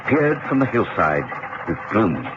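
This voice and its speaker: In this dull, faintly noisy old radio recording, an actor with a British Received Pronunciation accent plays a genial, earnest middle-aged gentleman doctor. His fairly low voice recounts the doctor's adventures through radio drama narration and dialogue, measured and expressive, with a grave storytelling mood.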